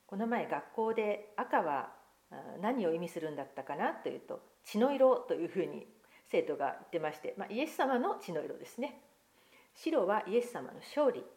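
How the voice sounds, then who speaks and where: A woman with a mid-range voice runs a church talk for children, quizzing them on the Bible before reading a picture book with gentle, expressive storytelling and different voices.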